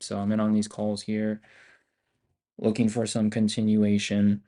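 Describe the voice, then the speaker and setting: A man giving casual live trading commentary as a streamer, in loud, cocky, slangy finance-bro talk full of swearing and bro and dude. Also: lowish voice, monotone, a little slow. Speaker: day trader hosting a live stream.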